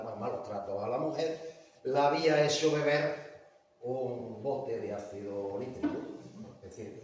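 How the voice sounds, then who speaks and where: A man's voice: medium pitch, a little mellow, a little hiss or hum. Male lecturer, Andalusian Spanish accent, casual storyteller, recorded from afar in a reverberant hall. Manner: conversational, asks the audience. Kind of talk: public talk, storytelling. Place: large echoey palace hall. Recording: echoey hall from far off.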